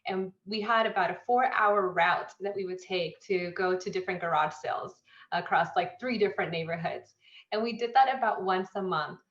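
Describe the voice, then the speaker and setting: A woman's voice: medium pitch, moderate pace, fairly bright tone. A woman from Mexico, telling her own story as a workshop speaker on a video call, with a few restarts. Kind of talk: personal talk. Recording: echoey, dull video call audio.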